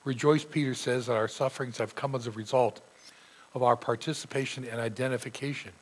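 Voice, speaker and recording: A middle-aged male pastor with a sore throat preaches a sermon earnestly from the pulpit of a church sanctuary. His mid-range voice is steady in tone, slightly rough and fairly quick, and he reads scripture aloud with emphasis.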